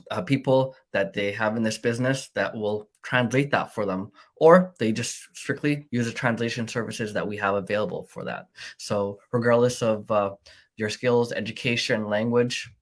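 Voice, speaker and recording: A man hosting a live online business panel, upbeat and reassuring, with a salesy pitch. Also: normal speed. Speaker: panel host. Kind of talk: casual live panel talk.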